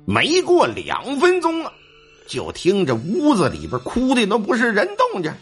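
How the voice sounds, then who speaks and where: A man telling a ghost story in a colloquial, animated way. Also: high voice, moderate pace, husky, soft background music.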